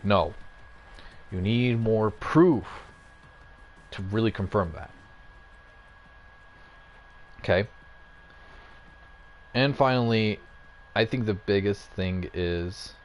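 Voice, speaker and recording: A young gaming YouTuber rants casually at home into a headset mic, rambling and getting fired up with lots of fillers and restarts. His voice is fairly low, with a little hiss or hum.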